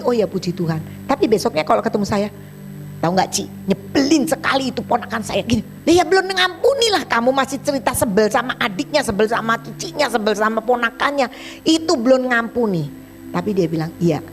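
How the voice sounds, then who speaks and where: Woman preacher, animated storyteller, plays both sides of the talk, soft music under. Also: medium pitch. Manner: animated, acts out both sides of dialogues in a chatty colloquial way. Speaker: evangelist preacher. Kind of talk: sermon with storytelling.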